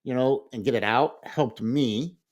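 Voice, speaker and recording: A man's voice: mid-range voice, a little slow. A middle-aged man co-hosting a podcast, telling stories in a casual chat and acting out quoted dialogue. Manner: animated storytelling, acts out quoted dialogue. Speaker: podcast co-host.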